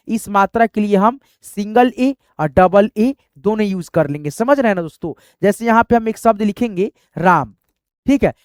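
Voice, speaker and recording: A patient male teacher explains a lesson slowly and step by step, returning again and again to the same point. He keeps checking that his students follow with short tag questions. The sound is dry, with no room echo. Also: high voice. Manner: patient, repetitive, often addresses listeners as friends. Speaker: Hindi and English teacher.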